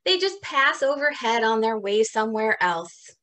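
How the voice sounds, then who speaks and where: A woman voicing a helpful, know-it-all female ladybug in a picture book, talking loud and excited. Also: a little high, normal speed. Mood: chatty.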